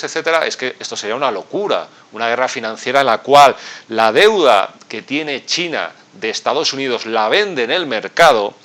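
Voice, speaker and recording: A man from Spain explaining economics step by step, talking straight to the viewer and checking in with quick tag questions. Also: mid-range voice, a bit bright. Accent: Spain Spanish. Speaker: business expert and investment channel host. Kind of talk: explanatory talk to camera.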